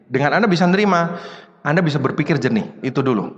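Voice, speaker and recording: An animated, fast-talking man with a voice on the high side delivers a motivational seminar talk. He's casual and chatty, full of rhetorical questions, and the recording has long hall reverb with the highs cut off.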